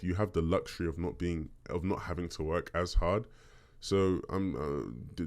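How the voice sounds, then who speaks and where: A man with a deep bass voice hosting a podcast, casually answering listener questions and often checking in conversationally as he talks. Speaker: podcast host.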